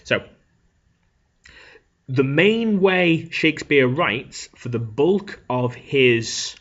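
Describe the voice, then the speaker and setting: Extremely slow and animated, a male teacher with a medium-pitched, slightly bright voice lectures his class on Shakespeare. He walks through the lesson step by step, often asking "okay?", captured on a dull lo-fi recording.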